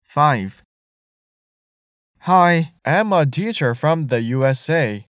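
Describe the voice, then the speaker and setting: Man reading listening test sentences super slow, lively pitch, dry sound. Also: dry recording. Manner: deliberate, each sentence read twice.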